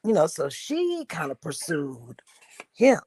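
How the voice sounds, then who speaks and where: A woman's voice: low-pitched, wildly swooping pitch, slow pace, a little mellow, husky. A woman on a reality TV review panel, talking candidly and often saying "you know". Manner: candid, drops into quoted asides, frequent "you know". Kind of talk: casual reality TV review chat.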